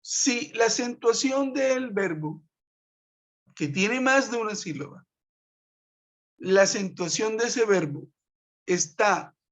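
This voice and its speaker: A man's high, expressive, fairly bright voice moves slowly, with long pauses, as he teaches English grammar over a web conference. Patiently, he explains each rule step by step and checks on his students, all captured by a computer mic in dull, lo-fi web conference audio.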